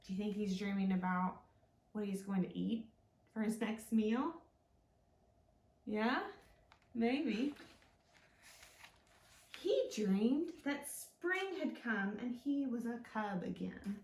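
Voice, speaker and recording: A woman's voice: medium pitch, lively intonation, takes it slowly, long pauses, darkish tone. A woman hosting a children's storytime, reading and explaining in a sing-song way with simple, encouraging questions. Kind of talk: read-aloud and teaching for young children. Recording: echoey room, mic at a distance.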